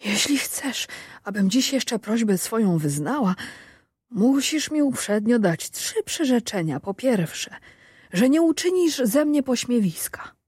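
A woman voicing a timid older peasant mother who pleads before a ruler in high, breathy tones. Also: sing-song, unhurried, darkish tone, no room sound, studio quality, heavily acted. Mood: frantic pleading.

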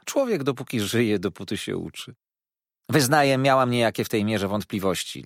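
A man's voice: medium pitch, creaky, dry recording, clean studio sound. A man reading an audiobook voices a sarcastic young woman who feigns innocence with arch, needling questions. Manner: arch, mock-naive questioning.

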